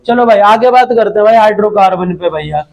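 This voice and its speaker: A man's voice: sits high, fairly quick, gravelly, darkish tone. A young man teaching a chemistry class online, chatty and repetitive, constantly asking students questions and calling them brother.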